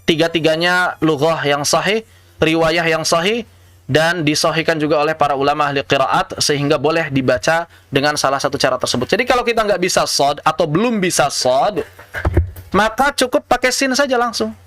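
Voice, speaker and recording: A man with an Indonesian accent teaching Quran recitation rules, slowly demonstrating right and wrong pronunciations with lively teacherly emphasis. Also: fairly high pitch, dry recording. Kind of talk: tajwid lesson with recited examples.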